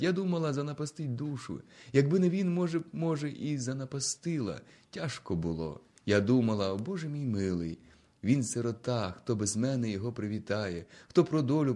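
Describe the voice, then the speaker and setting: A man voicing a frightened young orphan woman who speaks in a soft, plaintive, hushed way. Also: medium pitch, lightly acted.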